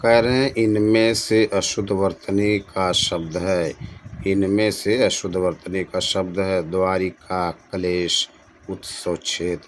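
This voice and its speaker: Low-voiced man teaching an exam-prep lesson. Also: fairly even intonation, slow pace, a little hiss or hum. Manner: explains answers by repeating the correct form; addresses viewers as friends. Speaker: teacher and channel host.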